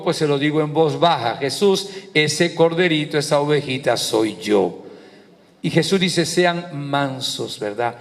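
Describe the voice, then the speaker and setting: A man with a Venezuelan accent, a priest giving a sermon, telling stories with lively emphasis and building up on repeated phrases. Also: a little high, in a large hall. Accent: Venezuelan Spanish. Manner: lively storytelling preacher, rising on repeated phrases.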